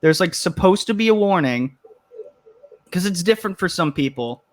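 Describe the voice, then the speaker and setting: A man's voice: high-pitched, lively intonation, normal speed. A man hosting a casual online panel chat, rambling a bit and reading viewer comments aloud. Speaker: host.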